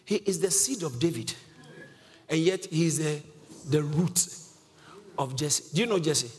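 Delivering a teaching sermon from scripture, a man with a slightly high voice and lively intonation speaks a little slowly. He's emphatic, keeps asking the congregation questions, and laughs softly often, the hall echoing with faint music behind him.

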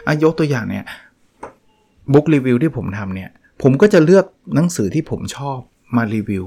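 A man's voice: medium pitch, sing-song, moderate pace, vocal fry, warm tone. Guy doing a chill solo podcast, chatty, keeps acting out little examples. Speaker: podcast host reviewing a book. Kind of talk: casual solo podcast talk.

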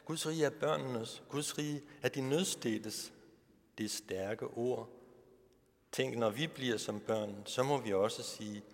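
A man's voice: mid-range voice, long reverb tail. A male pastor giving a sermon, posing rhetorical questions to the congregation.

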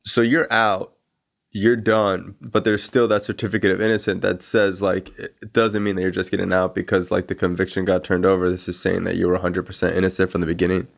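A man with a fairly low voice hosts a casual interview. He asks relaxed, slangy questions and jumps in with quick reactions. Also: vocal fry. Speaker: podcast host.

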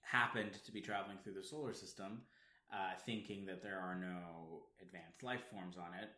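Deep-voiced man rambling in a roomy space. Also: fairly even intonation, normal speed, pushed and bright. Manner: explains at length with many ums and restarts. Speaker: podcast co-host. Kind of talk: casual chat. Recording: roomy echo.

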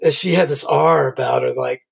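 A man, a guest musician, rambling through an animated anecdote in casual conversation. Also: medium pitch, a little fast, vocal fry, slightly rough.

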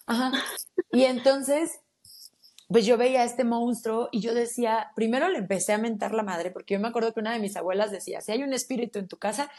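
A woman with a Mexican accent, a podcast guest telling a personal story in a casual, animated and slangy way. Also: a little high, brisk. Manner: animated, slangy, acts out her own quotes.

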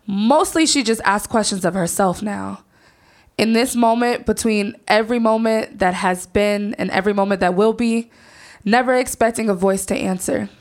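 An actress narrating a stage play as a gentle female storyteller, speaking in a measured, wistful way. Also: medium pitch, lightly acted. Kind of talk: theatrical poetic narration.

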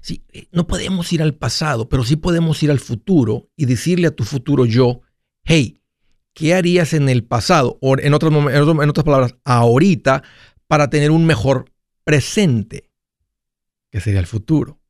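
A man's voice: fairly high pitch, moderate pace, darkish tone, no echo, studio quality. A man hosting a casual monologue, playful and jokey, often restarting mid-phrase. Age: 40s. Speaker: radio finance host.

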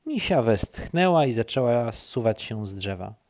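A man reading a children's story aloud, slow and expressive. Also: mid-range voice. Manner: slow, lively read-aloud voice.

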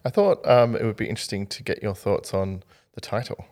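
A man's voice: on the low side, lively intonation, fairly quick, vocal fry, a little mellow. A man co-hosting a podcast interview, reflective and a little hesitant, restarting his phrases. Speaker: co-host, nonfiction specialist.

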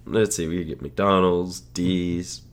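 A man with a hoarse voice, getting over an illness, co-hosting a casual sports podcast full of banter. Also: low-pitched, fairly even intonation, slow.

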